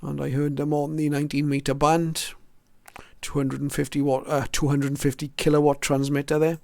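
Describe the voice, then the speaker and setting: Showing off his hobby collection, a mature man moves casually from one item to the next, pausing often and musing along the way. He speaks briskly in a slightly high, steady-pitched voice that sounds clean and smooth. The recording is dry.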